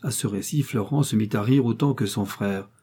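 A man narrates a classic novel as an audiobook, reading in a measured, expressive way. His voice is lowish with a breathy edge.

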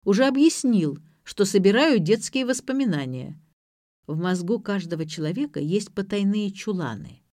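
A woman's voice: medium pitch, expressive, normal speed, darkish tone, no echo, studio quality, lightly acted. A woman voicing a curt, commanding man. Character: cold, demanding man on the phone.

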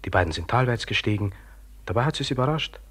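An actor playing a stern inner voice that urges a man buried in the snow to keep counting and digging. He speaks in a breathy, hushed voice, often whispering, with terse, cold commands. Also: mid-range voice, animated, quick pace. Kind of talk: radio drama acting.

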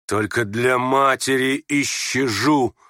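A sharp-tongued young man snaps and scolds in lively, rising bursts, as a male reader voices him. The sound is close and dry. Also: fairly high pitch, normal speed, dry recording, voice pushed up. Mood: angry. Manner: scornful, snapping.

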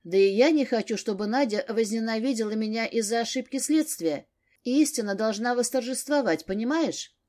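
A woman reading an audiobook, voicing a defensive, quick-tempered grown daughter. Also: fairly high pitch, darkish tone, pitched above the performer's own voice, close to an everyday voice. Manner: flaring, defensive.

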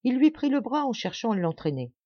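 A woman reading a classic novel aloud in a measured, dramatic storytelling manner. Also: a little high, sing-song, no room sound, lo-fi sound. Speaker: audiobook reader. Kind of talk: audiobook narration of a classic novel.

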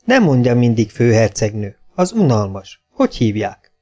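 A man's voice: mid-range voice, big pitch swings, a little mellow, muffled recording, soft background music. A man reading aloud voices a frank, direct young woman posing as an archduchess. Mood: questioning. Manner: frank and direct, stammers when flustered.

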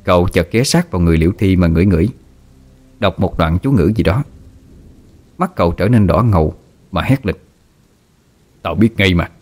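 A man telling a ghost story in measured, even scripted narration. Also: low-pitched.

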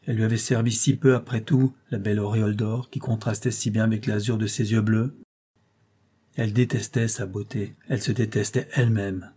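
A man narrating an audiobook in a steady, even manner. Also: on the low side, slightly rough. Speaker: audiobook reader.

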